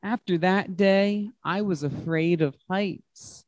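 A male guest reader with a high voice reads a picture book to children slowly and expressively, using simple, emphatic phrasing. He's in a large glass-walled library room, yet the recording carries no room sound.

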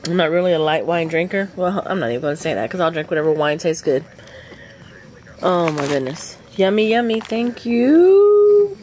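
A woman's voice: low-pitched, fairly quick, a little hiss or hum, rough recording. Gushing woman vlogger unboxing sweets. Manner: excitable, gushing, talks to her dog. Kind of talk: casual unboxing chat. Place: at home with her dog.

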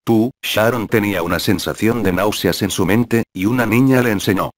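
A man narrating a translated web novel in an even, unbroken reading voice. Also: on the low side, fairly quick, dry recording, clean studio sound.

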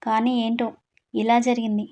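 A woman's voice: on the high side, level tone, normal speed, warm tone, natural voice. A woman voicing an innocent, sweet young wife who pleads and protests in a read-aloud story.

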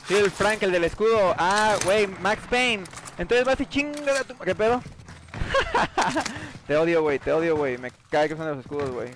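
This high-pitched male streamer with a Mexican accent keeps a moderate pace while playing at his home gaming setup, greeting viewers by name in a chummy, slangy style. There is background noise, and loud gunfire from the game plays behind his voice.

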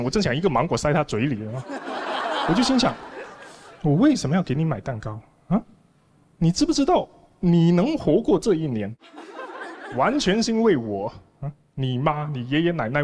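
On a large TV studio stage in front of an audience, a man in his thirties with a voice on the high side performs a stand-up monologue. He tells stories conversationally and with mock indignation into a handheld microphone, with audience noise clearly audible behind him.

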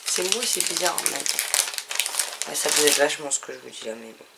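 A woman's voice: deep voice, expressive, fairly quick, gravelly, very noisy. A woman from France chatting casually to camera as she unboxes advent calendar gifts, enthusiastic and often trailing off with fillers.

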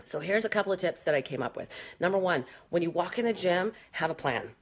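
A fitness trainer in her thirties answers questions in a frank, chatty live Q&A stream full of fillers. Her husky voice is fairly low-pitched, with lively intonation and a quick pace. She films on a phone camera held at arm's length in a small room.

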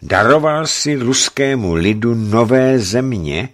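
A man's voice: medium pitch, expressive, voice pushed up, natural voice. A man voicing a stern, commanding old bishop who speaks solemnly.

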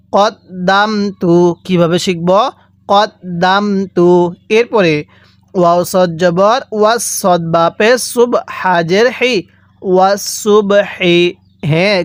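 Bangladeshi guy teaching quran reading, spells out every syllable slow and keeps going repeat after me, dry close sound. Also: high voice, dry recording. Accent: Bangladeshi Bengali. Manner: slow, repetitive drilling with call-and-repeat prompts. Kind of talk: spelling-out recitation lesson.

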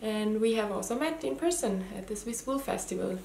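Animated and a little fast, this woman speaks in a medium-pitched voice that's gravelly and a little mellow. She's in her thirties, a native German speaker with a slight Austrian German accent, hesitantly chatting to camera from home for her first knitting video podcast, with many ums and restarts. The living room is echoey, recorded on a camera mic in head-and-shoulders framing.

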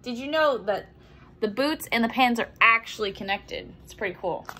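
A young woman with a higher voice reads a children's picture book aloud at a normal pace, with a little background noise. She's animated, acting out the sound effects and exclamations and adding simple explanations as she goes.

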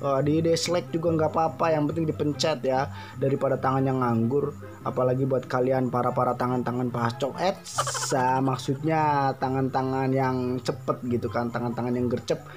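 A man's voice: mid-range voice, flat delivery, normal speed. A young man speaking Jakarta colloquial Indonesian, giving a rambling, joking voice-over commentary as a motovlogger. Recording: background music under voice.

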